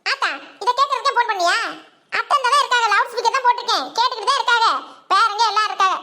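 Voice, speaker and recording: A woman's voice: very high voice, racing, sharp tone, exaggerated voice. A woman voicing a chatty, scheming young village woman in a cartoon, with a Tirunelveli Tamil accent and a whiny, sing-song way of complaining. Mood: teasing. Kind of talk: cartoon voice acting.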